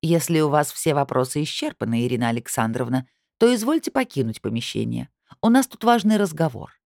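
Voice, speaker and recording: A woman voicing a sharp-tongued older woman who gloats and mocks, read in an audiobook. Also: low-pitched, animated, fairly quick, creaky, dry recording, clean studio sound. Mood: gloating. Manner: mocking, sly.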